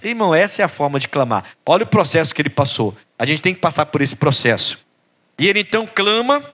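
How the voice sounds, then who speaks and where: A male Brazilian pastor preaching with a high, bright voice. He acts out biblical characters with dramatic flair and climbs into pleading cries. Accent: Brazilian Portuguese. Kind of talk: sermon.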